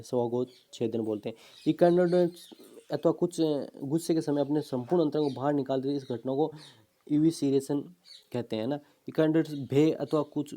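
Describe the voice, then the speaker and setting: A man's voice: medium pitch, warm tone. A man teaching an exam-prep biology lesson, explaining step by step, repeating terms and asking himself questions. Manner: drops in fillers, "ठीक है" and "है ना".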